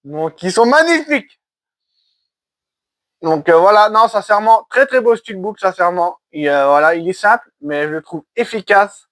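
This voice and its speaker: Guy doing an unboxing vlog, really high bright voice, jokey rambling banter. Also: animated, moderate pace, dry recording. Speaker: YouTube film collector host. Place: caravan at the end of a garden.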